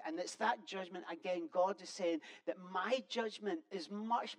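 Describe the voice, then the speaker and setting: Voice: medium pitch, low-quality recording. A preacher giving a sermon in an earnest, conversational way, often stumbling and restarting phrases. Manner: halting, with frequent repeated restarts.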